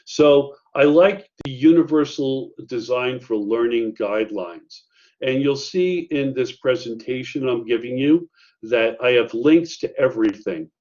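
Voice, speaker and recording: A man at mid pitch leads an online faculty workshop over a video call. He talks in a loose, chatty way with lots of "uh" and "you know." The audio is a bit muffled. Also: a little slow, darkish tone. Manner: conversational, many fillers and asides. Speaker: workshop presenter. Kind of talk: online faculty training talk.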